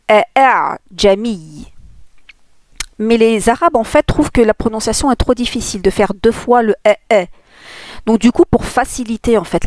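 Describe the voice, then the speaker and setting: A woman's voice: medium pitch, darkish tone, dry recording. A woman teaching a spoken lesson, explaining step by step and demonstrating sounds. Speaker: tajwid teacher.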